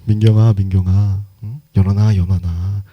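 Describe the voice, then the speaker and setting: A preacher voicing a gentle, patient grown man who soothes by repeating names softly. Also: medium pitch, expressive, moderate pace, muffled recording, natural voice. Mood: tender. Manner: soft, reassuring, repeats names.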